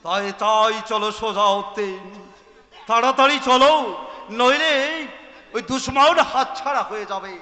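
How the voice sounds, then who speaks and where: An imperious, high-pitched stage Nawab. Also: male voice, sharp tone, heavily acted. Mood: triumphant, urgent. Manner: grand, slow, declamatory. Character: imperious scheming Nawab father, bent on capturing his enemy. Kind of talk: Bengali jatra historical stage acting. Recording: echoey hall, faint music behind.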